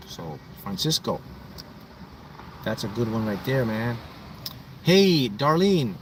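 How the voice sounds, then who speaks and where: A man hosting a livestream, giving casual psychic readings to viewers, talking in halting bursts and dropping low and slow at the ends of lines. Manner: halting, restarts often, drops low and slow on closing words. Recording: voice a little far from the mic, faint background hum.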